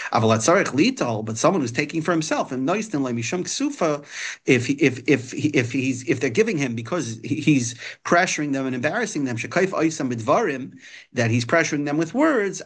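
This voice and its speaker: A man's voice: medium pitch, husky. A man gives an informal religious lesson, reading a text and explaining it, often hesitating and repeating phrases. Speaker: religious teacher.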